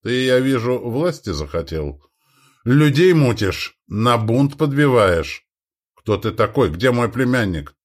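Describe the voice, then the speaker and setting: A man voicing a gaunt, stern young king in an audiobook, speaking low and threateningly. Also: sing-song, slow. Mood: menacing. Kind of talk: audiobook character voice.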